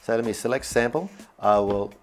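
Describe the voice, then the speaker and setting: A man with a mid-range voice gives an upbeat, informal product demo at a moderate pace, enthusiastically explaining features as he goes. Keyboard music plays in the background.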